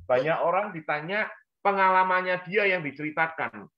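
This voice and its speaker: A man with a fairly high voice tells a story on a church talk show. He is animated and acts out the voices of the people in his story. The recording sounds dull and lo-fi. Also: moderate pace.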